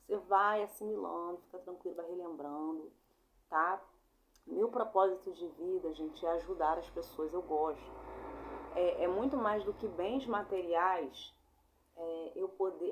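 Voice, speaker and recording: A young Brazilian woman giving a casual online grammar lesson, chatty and informal, apologizing often and spelling sounds out slowly. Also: lowish voice, a little hiss or hum. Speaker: Portuguese teacher.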